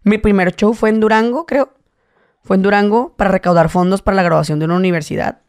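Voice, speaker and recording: Animated young Mexican man telling stories. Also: fast talker. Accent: northern Mexican, Tijuana. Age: late 20s. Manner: animated storyteller, mimics others in high voices. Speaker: guest. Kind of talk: casual interview chat.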